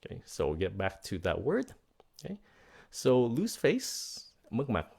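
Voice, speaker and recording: Slow-talking male English teacher. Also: medium pitch, huge pitch swings, gravelly, darkish tone, breathy edge. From United States. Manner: slow, deliberate, spells out pronunciation and switches between English and Vietnamese. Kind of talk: bilingual vocabulary lesson.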